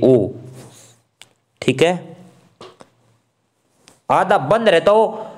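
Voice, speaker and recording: A man from Rajasthan teaches an online exam-prep grammar class. His voice sits a bit high, and he talks casually to students as friends. He drills the vowel sounds aloud.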